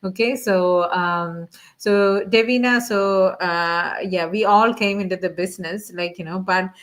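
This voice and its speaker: Woman host on a live stream, casual and rambling, leaning on "like, you know" fillers, mid-pitched everyday voice. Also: steady tone, a little slow.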